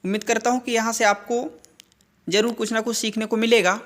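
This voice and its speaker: A man's voice: high-pitched, steady tone, fairly quick, fairly bright tone. A man teaching grammar in a video lesson, who asks a question and then answers it himself. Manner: repeats questions and answers them, frequent "ठीक है". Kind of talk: slow classroom-style explanation.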